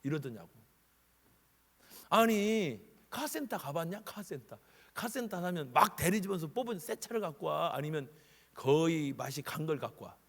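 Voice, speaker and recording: Husky, lively man preaching a revival sermon. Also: fairly high pitch, moderate pace. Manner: lively preaching, acting out quoted voices. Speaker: guest preacher. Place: church sanctuary. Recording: long church hall reverb.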